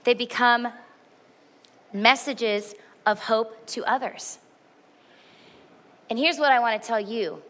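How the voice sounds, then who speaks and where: A woman's voice: a little high, steady tone, takes it slowly, long pauses, a bit bright. A woman in her forties preaching a sermon, earnest and candid, with emphatic repetition. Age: 40s. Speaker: pastor.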